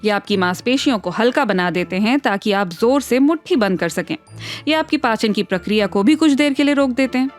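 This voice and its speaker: A woman hosting a health explainer series, talking straight to viewers in a chatty, playful way. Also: on the high side. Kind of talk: conversational science explainer.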